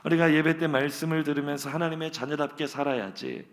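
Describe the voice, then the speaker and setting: A man's voice: on the high side, steady tone, fast. A male pastor giving a sermon, opening with a joke story and speaking in an earnest, conversational way. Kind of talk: sermon with a humorous story opener. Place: church sanctuary.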